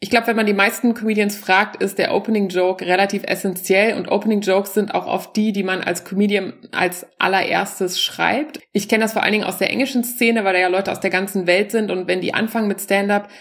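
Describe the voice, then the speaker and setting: A stand-up comedian in her forties talks loosely and casually about her work in an interview, mixing in English words. Her mid-range voice has a steady tone, and she speaks a little fast with few pauses.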